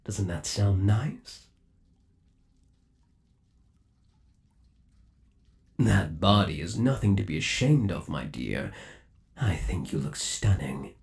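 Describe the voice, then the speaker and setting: In an ASMR roleplay, a man voices an undead animatronic lover who is obsessively devoted. His low voice is slow and exaggerated, with big pitch swings, and he coaxes theatrically, lingering on each endearment with eerie tenderness. The mood is tender and triumphant.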